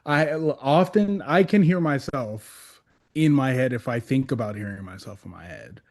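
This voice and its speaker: A man co-hosting a podcast talks in a wry, unhurried way. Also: mid-range voice, lively intonation, a little mellow. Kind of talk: casual podcast chat.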